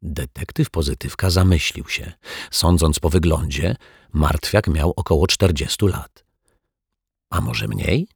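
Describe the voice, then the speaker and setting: A man narrating a children's story in a calm, measured reading voice. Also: rumbling low, slightly rough, dry recording, clean studio sound. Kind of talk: audiobook storytelling.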